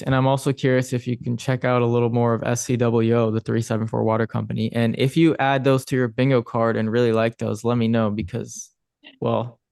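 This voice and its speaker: A man hosting a casual stream, chatting in a relaxed way and laughing often. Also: mid-range voice, vocal fry, clear, resonant tone. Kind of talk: casual livestream chat.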